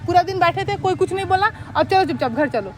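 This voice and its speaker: High-voiced woman coaxing firmly. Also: expressive, fast, darkish tone. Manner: coaxing, scolding, repeating herself. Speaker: older sister. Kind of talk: scripted family skit.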